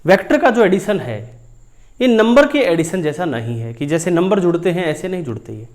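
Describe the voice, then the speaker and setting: A man's voice: high voice, very animated, fairly quick, darkish tone. A man teaching a physics lesson, explaining step by step while drawing and calling his students dear children. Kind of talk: whiteboard lesson.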